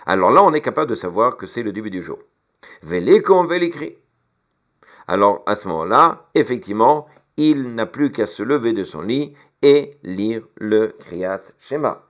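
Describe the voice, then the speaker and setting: A man's voice: lowish voice, expressive, normal speed, few pauses, a bit bright. A man teaching a Talmud lesson. He reads each Hebrew or Aramaic phrase, translates it, and hesitates often with fillers and repeated words. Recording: dull lo-fi recording.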